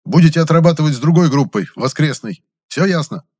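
A man reading an audiobook, voicing a stern, irritable male supervisor who scolds and shouts. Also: on the high side, animated, a little fast, breathy edge, voice pushed up. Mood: scolding. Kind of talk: audiobook character voice.

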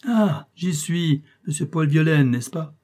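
A man voicing an irascible, scheming older male employment agent who switches between smooth courtesy and temper. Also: fairly high pitch, animated, slow, a little mellow, pitched above the performer's own voice. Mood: ingratiating. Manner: shifts from bland courtesy to bursts of temper.

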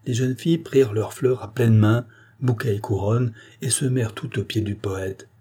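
A man with a French accent reading a classic novel aloud as an audiobook, rising in pitch and force whenever he declaims the verses. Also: moderate pace, mellow, husky. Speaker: audiobook narrator. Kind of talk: dramatic audiobook narration.

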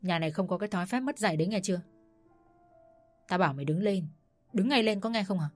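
A woman's voice: medium pitch, expressive, quick pace, darkish tone, faint music behind, close to an everyday voice. A woman voicing an abusive older mother-in-law who screams insults, in a storybook reading. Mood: furious.

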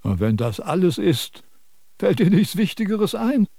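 An actor playing a self-important sage who lectures and scolds in a radio drama. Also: male voice, high-pitched, sing-song, measured pace, warm tone, slightly rough, dry recording, clean studio sound, heavily acted. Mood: lecturing. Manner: pompous, preachy, scolding.

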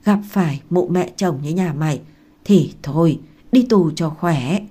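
A woman reading aloud and voicing a blunt, gruff old village woman who scolds loudly and talks coarsely. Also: low-pitched, a little slow. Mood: scolding.

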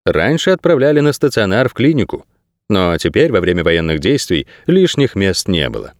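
A man's voice: fairly low pitch, big pitch swings, normal speed, no room sound, studio quality. A man reading an audiobook aloud as scripted narration.

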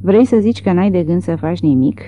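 A reader voicing a huge, enraged grown son who shouts in indignant bluster, on tinny phone-like audio. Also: mid-range voice, expressive, a little hiss or hum, close to an everyday voice.

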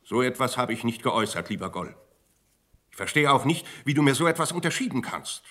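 A cold, evasive judge. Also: male voice, mid-range voice, very animated, a little fast, pushed and bright. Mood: cold reproof. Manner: cool, clipped, reproving. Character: cold, guarded male judge, evasive and superior. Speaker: colleague judge Fei in a radio play. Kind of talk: radio drama acting.

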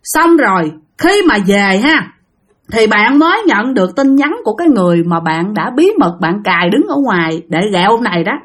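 A woman's voice: mid-range voice, big pitch swings, moderate pace. A woman casually telling a ghost story, chatting straight to her listeners.

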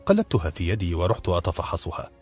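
A man narrating a novel in a steady, measured audiobook reading. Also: deep voice, breathy edge, faint music behind.

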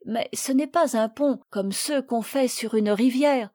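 Earnest little girl telling a sad tale, read by a woman, gentle and measured, a bit high. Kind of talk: audiobook reading.

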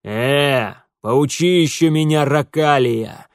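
A man's voice: on the high side, expressive, measured pace, mellow, no room sound, studio quality. A man doing a bullying provincial police chief. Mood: scornful. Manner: barking, threatening.

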